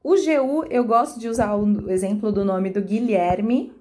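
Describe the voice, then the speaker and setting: Brazilian woman teacher, mid pitch, slow and deliberate on example words, keeps checking in with her class. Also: mellow. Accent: Brazilian Portuguese. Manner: asks rhetorical checks to her students. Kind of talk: online class explanation.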